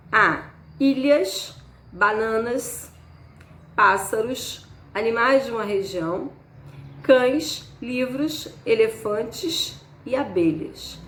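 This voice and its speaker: Woman teacher, patient, slightly high voice, echoey room, faint ambience. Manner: slow, patient, spells out each item. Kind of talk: explaining a worksheet to students.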